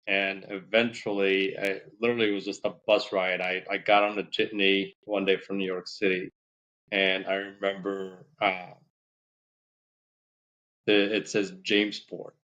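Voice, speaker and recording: A man from Morocco, a podcast guest, telling his story in a relaxed, rambling way with many fillers. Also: low-pitched, measured pace, lo-fi sound. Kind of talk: casual storytelling interview.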